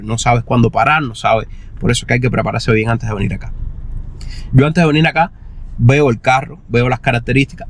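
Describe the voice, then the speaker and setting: A man talking casually in a vlog, explaining things step by step in a conversational way, as someone who buys and resells used cars. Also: mid-range voice. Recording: noisy vehicle and outdoor ambience.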